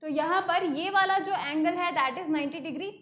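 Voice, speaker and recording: A woman's voice: extremely high pitch, measured pace, fairly bright tone. An Indian woman teaching an online math lesson, explaining step by step and repeating key terms, mixing English words into her talk. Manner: mixes English terms into Hindi.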